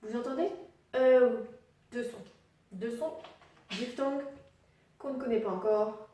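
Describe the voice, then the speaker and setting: A woman teaching English pronunciation online, spelling out letter sounds slowly and patiently and putting questions to the viewer. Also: on the high side, warm tone, distant mic, a little hiss or hum. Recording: very echoey room, voice set back from the mic.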